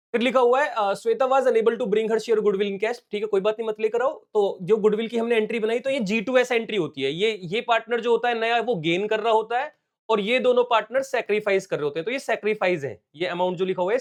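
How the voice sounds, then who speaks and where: A man with a high voice teaches accounts on a live stream. He works the numbers aloud step by step and mixes English terms into his talk. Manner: explains step by step, calls viewers "beta" and "bachche". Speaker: commerce teacher. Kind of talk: solving exam questions on a live stream.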